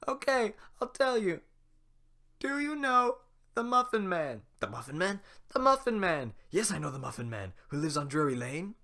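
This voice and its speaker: A man voicing a tiny, panicky gingerbread man cookie, shrieking frantic pleas at a high pitch. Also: very animated, moderate pace, pushed and bright, heavily acted. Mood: shrill teasing.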